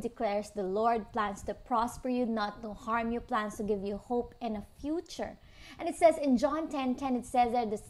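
High-voiced Filipino woman preaching. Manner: mixes Tagalog and English, reads Bible verses aloud, asks the listeners questions. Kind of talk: sermon.

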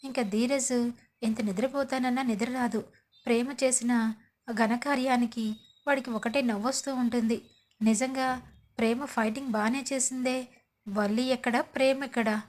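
A woman's voice: fairly high pitch, fairly even intonation, normal speed, a little mellow. Chatty woman retelling a soap. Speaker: serial recap narrator. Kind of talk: storytelling recap.

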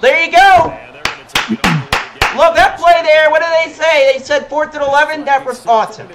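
Casting: man, very high voice, cocky game trash talk. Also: level tone, moderate pace, noisy background. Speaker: gamer. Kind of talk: trash-talking game commentary.

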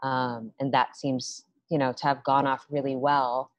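A woman's voice: rumbling low, level tone, a little slow, no room sound. A young woman, a playwright guest, chatting on a video call from home, with many fillers and restarts. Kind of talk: casual video-call interview. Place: small room at home. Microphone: laptop webcam on video call. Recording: dry, dull video-call audio.

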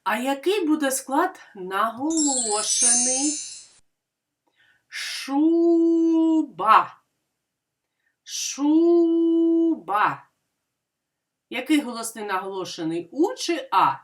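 Speaking in a fairly high, animated voice, a Ukrainian woman teaches little children to read at preschool. She says each word slowly and distinctly, and she answers her own questions.

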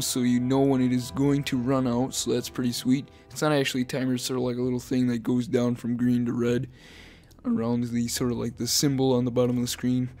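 Rambling young-sounding gamer guy, flat voice. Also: medium pitch. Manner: rambling, repeats himself, many fillers; says he is talking fast to keep it short. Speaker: gaming YouTuber. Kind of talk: casual gaming commentary.

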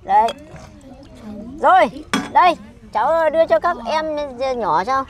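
A woman's voice: high voice, animated, a little slow. An older woman cooking and serving food, talking in a chatty, coaxing way with lots of exclamations. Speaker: cooking vlogger. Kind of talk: cooking demonstration while serving guests. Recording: noisy crowd around her.

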